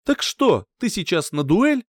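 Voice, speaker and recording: A brash young knight with a bright, lifted voice, as a male narrator acts him out. He teases and jokes, his pitch jumping lively from line to line. The reading is dry and close to the mic. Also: unhurried, dry recording, heavily acted. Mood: curious. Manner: teasing, playful grin in the voice. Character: cheerful cocky young man, a skilled knight.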